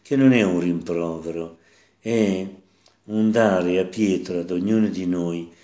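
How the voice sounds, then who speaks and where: A man preaching as a priest, reading a Gospel passage and reflecting on it slowly, repeating phrases for emphasis. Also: sits low, warm tone, reverberant.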